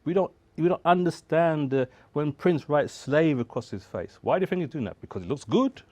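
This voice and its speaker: Animated and warm, this male guest's fairly high voice moves a little fast on a dry recording. In a relaxed studio chat he's emphatic, fond of rhetorical questions, and occasionally jokes and laughs.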